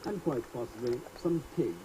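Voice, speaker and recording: A man gives driving directions in a measured, scripted style, heard through the wobbly tape warble of a worn cassette player. His pitch wanders widely as the tape drags and speeds. Heavy tape hiss sits under every word. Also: expressive, dark tone, low-quality recording. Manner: measured, carefully paced directions. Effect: wobbly tape warble from an old cassette player with high wow and flutter. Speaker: tour guide narrator. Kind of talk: scripted narration of a driving tour. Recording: hissy old cassette tape played back aloud.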